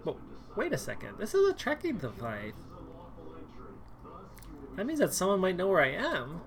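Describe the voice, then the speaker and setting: A woman streamer reads a dating game aloud in the first person, adding sarcastic, wry asides between lines of the story. Her voice is low, but her pitch swings widely as she jumps into exaggerated outbursts. The delivery is playful and theatrical. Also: wildly swooping pitch, normal speed. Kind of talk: dramatic game read-through.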